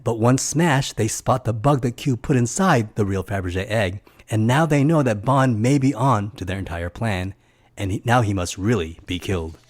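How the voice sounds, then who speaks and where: A middle-aged man talks through a film's plot at a mid pitch, with an eager, chatty manner. He drops personal asides between the story beats and sounds like he is reading a script he wrote himself. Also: a little mellow. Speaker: film reviewer. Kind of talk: scripted film recap narration.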